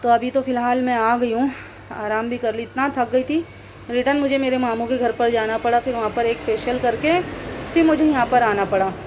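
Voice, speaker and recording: A woman's voice: on the high side, a little fast. Chatty woman vlogger, filmed on a phone with noisy surroundings. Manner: chatty, excitable with children. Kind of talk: casual vlog narration. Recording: phone recording with street noise.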